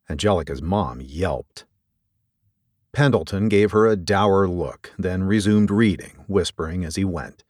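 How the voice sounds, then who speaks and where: A man narrating a story in an expressive storytelling delivery. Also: low-pitched, no room sound, studio quality. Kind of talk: audiobook narration.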